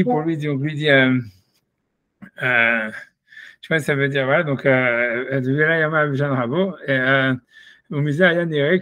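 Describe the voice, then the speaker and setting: A man gives a relaxed Talmud lesson, his slightly raised voice picked up close and dry. He works things out as he goes, stopping and restarting his sentences. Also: a little high, dry recording. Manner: halting, thinking aloud with many restarts. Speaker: Torah study teacher.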